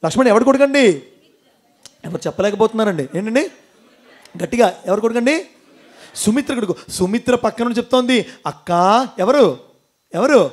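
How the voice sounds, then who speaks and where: A man's voice: high-pitched, lively intonation, brisk, long pauses. A man giving a devotional storytelling talk to an audience in a temple hall, asking them questions and acting out the characters. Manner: asks audience questions, acts out voices. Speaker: motivational speaker.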